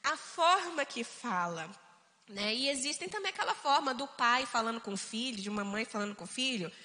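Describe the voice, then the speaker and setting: A woman co-hosting a casual faith-based family talk, animated and acting out family members' voices. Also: a little high, a little fast, big-room sound. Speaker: co-host of a family talk show.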